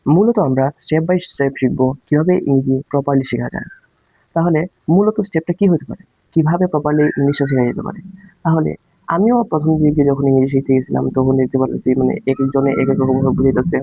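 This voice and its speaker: Fast-talking man teaching English basics. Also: on the high side, dry recording, lo-fi sound. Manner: explains with rhetorical questions and repeated tags; demonstrates letter sounds aloud. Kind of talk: casual spoken lesson.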